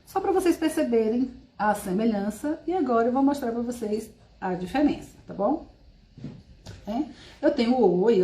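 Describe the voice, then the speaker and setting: A woman's voice: medium pitch, dark tone, reverberant. A woman from Brazil teaching a live-streamed language class, explaining patiently and checking in with tag questions.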